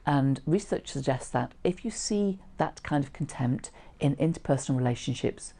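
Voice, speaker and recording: A woman's voice: rumbling low, animated, normal speed, gravelly, dark tone. A middle-aged woman presenting an informal lesson to camera, explaining things in a conversational way. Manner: explanatory, conversational, with short illustrative asides. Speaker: trainer teaching how to read facial expressions. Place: small indoor room, seated.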